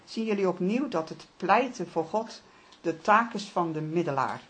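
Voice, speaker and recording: A middle-aged woman with a voice on the low side reads Bible passages aloud and explains them to a study group. She stays calm and measured, occasionally restarting.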